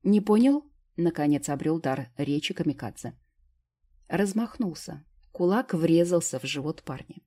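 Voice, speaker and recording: A woman reading first-person fiction aloud as a steady, measured audiobook narrator. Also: low-pitched.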